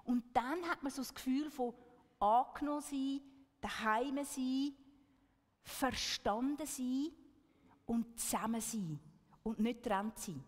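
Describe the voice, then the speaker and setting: A woman's voice: high voice, slow pace, pauses often, big-room sound. A woman giving an earnest talk to an audience, often checking in with a questioning "right?". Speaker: speaker.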